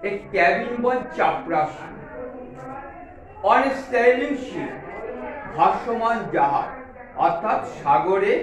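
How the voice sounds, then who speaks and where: A man teaching English in Bengali, with a Bengali accent, speaking slowly and deliberately and spelling words out letter by letter. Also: sits high. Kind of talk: classroom lesson explaining an English text in Bengali. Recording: very echoey room, voice far from the mic, crowd noise.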